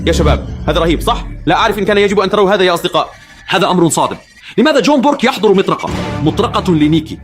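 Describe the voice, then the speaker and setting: Man, high voice, very fast, dramatic commentary, faint music behind. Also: animated. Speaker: host. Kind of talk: excited drone-video commentary.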